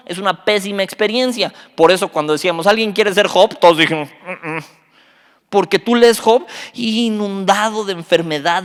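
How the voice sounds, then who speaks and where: A man, a youth pastor teaching a Bible study, animated and joking, quizzing his listeners. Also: high-pitched, clean tone. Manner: animated, quizzes the audience, jokes. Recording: reverberant hall.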